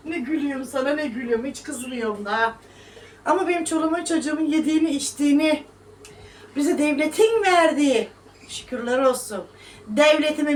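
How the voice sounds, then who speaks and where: A high-pitched woman in her thirties chats through a home cooking video and mocks her critics with laughs. Her voice sits a little away from the phone, in an echoey kitchen with faint room noise behind her. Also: distant mic. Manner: chatty, scolding and mocking critics with laughs. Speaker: vlogger. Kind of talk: casual cooking vlog, talking to viewers.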